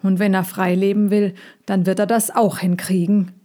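A woman voicing a calm, soft-spoken male leader in a storybook, low and hushed. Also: moderate pace, close to an everyday voice. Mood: quiet.

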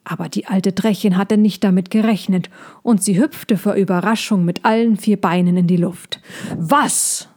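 A woman reading a children's story aloud in a calm, unhurried manner. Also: mid-range voice.

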